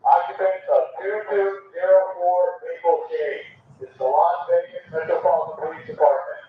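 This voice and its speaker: Police officer calling through a megaphone. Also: male voice, high-pitched, flat delivery. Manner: slow, repeated commands. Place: outdoors by a house. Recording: echoey distant lo-fi bodycam audio.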